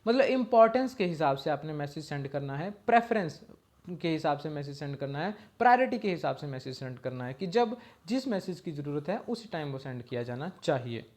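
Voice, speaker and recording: A man walks through an exam-prep lesson step by step in a slide-based lecture, often checking in with a quick "okay" and reading slide lines aloud in English. His voice is fairly high, sing-song, brisk, and a little mellow.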